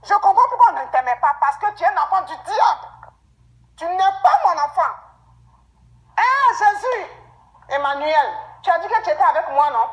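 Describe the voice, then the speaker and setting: A woman's voice: very high-pitched, very animated, moderate pace, long pauses, poor audio. An actress playing a grief-stricken mother who wails, sobs and pleads with God in melodramatic screen acting. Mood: bitter grief. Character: grief-stricken mother mourning her daughter.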